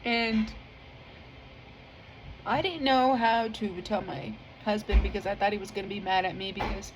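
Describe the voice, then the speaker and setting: A woman speaks straight to her viewers in a loose, chatty testimony. Her voice sits at an ordinary middle pitch, and she wanders through her story with ums and restarts. She is soft-hearted and sincere, the kind who cries easily when talking about her faith. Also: fairly even intonation, normal speed, slight background noise, poor audio. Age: adult with a family. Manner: earnest and heartfelt, rambling with many fillers; emotional, easily moved to tears. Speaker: vlogger sharing a faith testimony. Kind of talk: casual spoken testimony.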